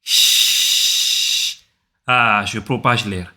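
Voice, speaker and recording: A man teaching letter pronunciation, repeating each syllable slowly and correcting common mistakes with gentle warnings. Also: mid-range voice, animated, very noisy. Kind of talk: slow pronunciation drill lesson.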